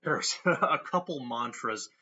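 A man co-hosting a horror film podcast in casual chat, wry and quick to laugh. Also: medium pitch, animated, bright, forceful tone, highs cut off. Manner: wry, laughs often, puts on mock voices. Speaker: podcast co-host.

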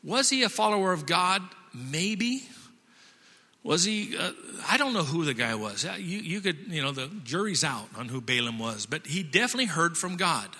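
A man's voice: on the high side, big pitch swings, moderate pace, sharp tone. A man preaching a sermon in a folksy storytelling way with restarts, in a long-reverb hall. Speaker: pastor.

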